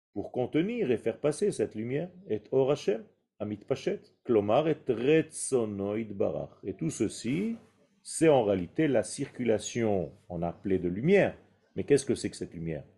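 A man's voice: mid-range voice, very animated, unhurried, gravelly, mellow, husky. A man giving a spoken Kabbalah lesson, explaining patiently with rhetorical questions and Hebrew terms mixed in. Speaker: Kabbalah teacher.

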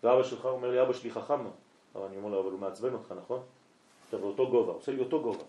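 A man's voice: fairly low pitch, mellow, a little hiss or hum. A man, a rabbi, telling a story during a night lesson and acting out both sides of a conversation. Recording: echoey room.

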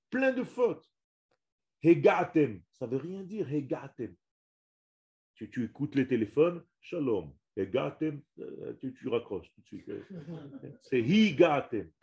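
This man's voice runs on the high side and sounds warm as he gives a small group a religious lesson on the Hebrew language. His emphatic delivery is full of repetitions and restarts, with every Hebrew word stressed.

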